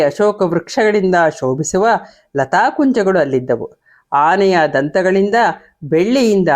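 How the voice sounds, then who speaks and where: A woman reading an epic scripture aloud in a steady, even storytelling voice. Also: on the low side. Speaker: reader.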